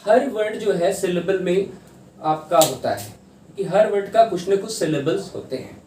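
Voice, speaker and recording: A man with a fairly high voice teaches an English exam-prep class, walking through grammar topics step by step and breaking words into syllables aloud. He is heard from some distance in a reverberant room, with a faint hiss underneath. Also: animated, normal speed, warm tone. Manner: explains step by step, spells out sounds syllable by syllable. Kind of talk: Hindi-English mixed exam-prep lecture. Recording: roomy echo, distant mic, faint hiss.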